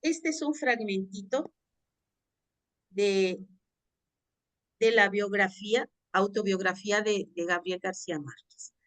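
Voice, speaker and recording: A woman's voice: mid-range voice, slow, long pauses, no echo. A woman teaching a class, reading a passage aloud and asking her students questions.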